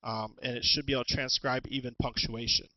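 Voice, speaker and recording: A man presenting an instructional webinar as a teacher, talking through tools in a halting way with many ums and restarts, on a headset. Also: medium pitch, flat delivery, pushed and bright, no echo, dull audio. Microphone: headset with headphones.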